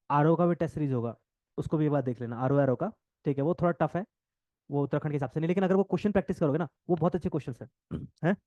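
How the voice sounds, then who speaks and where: This is a male coaching teacher with a north Indian Hindi accent who dictates notes to a class, repeating each phrase so students can write it down. His voice sits a little high and has a mellow, dark tone. The recording is dry and a bit dull, without much top end. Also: no room sound. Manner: fast-talking, repeats phrases for note-taking; jokes with students, laughs often.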